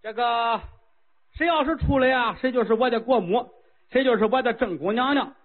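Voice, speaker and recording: A man voicing an impatient, girl-crazy ancient king who pleads and whines eagerly. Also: moderate pace. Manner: eager, whiny, high-pitched pleading. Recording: tinny lo-fi phone-like sound.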